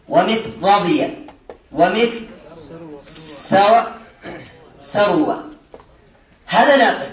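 A man's voice: very high voice, fairly bright tone. A man teaching a grammar lesson to a classroom of students. He quizzes them, repeats examples patiently and often chuckles while explaining. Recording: echoey room.

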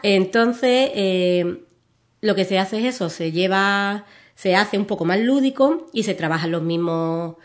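A woman, reading a children's story aloud as a radio guest, soft-spoken and lively. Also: mid-range voice, measured pace.

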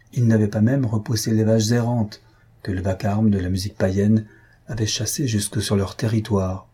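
A man reading a French short story aloud as narrator, measured and dramatic, lifting his voice for the characters' shouts. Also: lowish voice, husky. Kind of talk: scripted audiobook reading.

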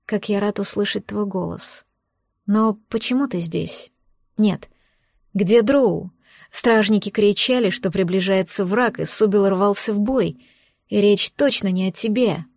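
A woman voicing a blind, wounded male elf in an audiobook, speaking softly, slowly and tenderly. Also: sits high, creaky, dry recording, studio quality, heavily acted. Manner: soft, slow, tender.

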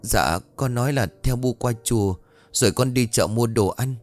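A man's voice: medium pitch, moderate pace, faint music behind, close to an everyday voice. A man voicing a meek young wife who stammers and pleads with her mother-in-law. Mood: pleading.

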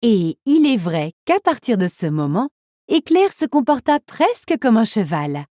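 A woman's voice: a little high, sing-song, a little slow, warm tone, no room sound, studio quality. Woman reading a children's storybook. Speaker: narrator.

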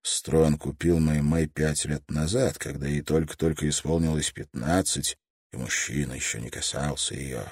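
A man narrating a historical novel in a measured, expressive audiobook reading. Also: extremely low pitch, breathy edge, no echo, studio quality. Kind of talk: scripted narration.

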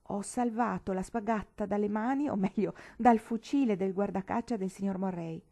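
A woman voicing a calm, kindly young male curate who speaks placidly and half in jest, in an audiobook reading. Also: medium pitch, normal speed, natural voice.

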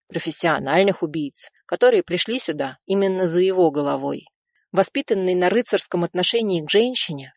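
A woman narrating an audiobook in an even, measured reading. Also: on the low side, dry recording, studio quality.

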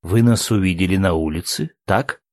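A calm, commanding man speaks in a measured way, as a male audiobook reader plays him. The sound is dry and close. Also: deep voice, no room sound, natural voice.

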